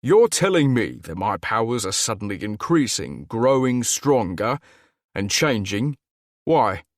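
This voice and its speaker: A man's voice: on the low side, lively intonation, measured pace, no room sound, studio quality, pitched above the performer's own voice. A man voicing a troubled, guarded young shifter who talks tensely and blames himself. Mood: exasperated.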